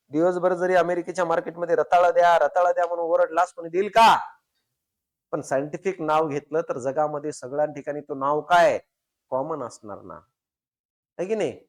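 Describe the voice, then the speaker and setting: Man lecturing a class with constant questions. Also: high voice. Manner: slows down and repeats technical terms syllable by syllable; casual, joking street examples. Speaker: science teacher for competitive exams.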